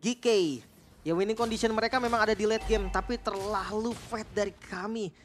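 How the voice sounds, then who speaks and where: A man's voice: sits high, fairly even intonation, fairly quick. Male esports analyst. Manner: colloquial, repeats words for emphasis. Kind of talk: casual analytical commentary. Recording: game music behind.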